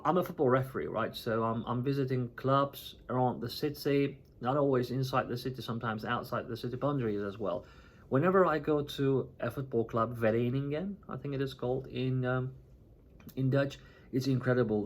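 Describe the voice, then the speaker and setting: A chatty man from Turkey, past thirty, talking straight to his viewers in a casual vlog. His voice sits at an ordinary middle pitch, and he keeps tossing in "right?" and "you know" as he goes. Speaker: vlogger. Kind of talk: casual talk to camera.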